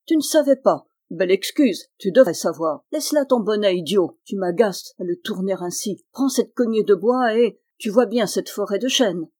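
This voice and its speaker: A woman voicing a harsh, menacing witch who scolds and commands loudly, with a slightly husky voice. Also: on the low side, fairly quick, few pauses, dry recording, lightly acted. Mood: scolding. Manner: loud, scolding, imperious.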